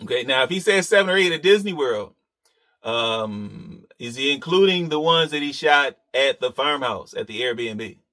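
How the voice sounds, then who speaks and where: A man's voice: mid-range voice, lively intonation, normal speed, bright, forceful tone. A man giving sarcastic reaction commentary on another channel's video, often chuckling at his own jabs.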